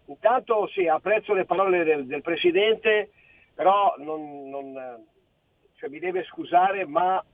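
A man's voice: sits high, expressive, takes it slowly, long pauses, no room sound. A man in his sixties from Friuli Venezia Giulia, a caller phoning in to a radio show, rambling and indignant and repeating himself. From Friuli Venezia Giulia, Italy. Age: 60s. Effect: phone-in caller on a radio show. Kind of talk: heated political phone-in. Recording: tinny phone line.

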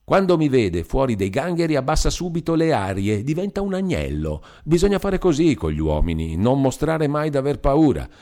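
A man's voice: normal speed, few pauses. A man reading an audiobook, voicing a bold, fiery young wife in a raised, scornful tone. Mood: feisty. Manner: lively, scornful, raised pitch. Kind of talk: audiobook character voice.

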